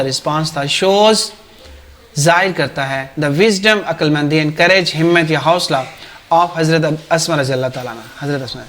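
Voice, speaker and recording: A male teacher with a Pakistani accent and a fairly high voice works through a textbook passage. He reads the English lines slowly and carefully, then breaks into quick Urdu explanation. He keeps asking questions as if quizzing a class. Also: fairly bright tone. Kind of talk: textbook lesson, reading English and translating to Urdu.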